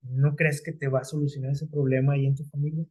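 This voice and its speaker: A man preaching a sermon, explaining scripture in a conversational way with everyday examples and rhetorical questions, slowing down when he quotes it. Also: on the high side, flat delivery, dark tone, low-quality recording.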